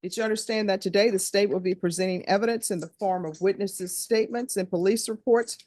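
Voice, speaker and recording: A woman with a mid-pitched voice presides as a judge in formal courtroom style. She reads out legal admonishments and questions briskly and with authority. The sound is dry, with very little room echo. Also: fairly even intonation, a little mellow. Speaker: judge presiding over a plea hearing.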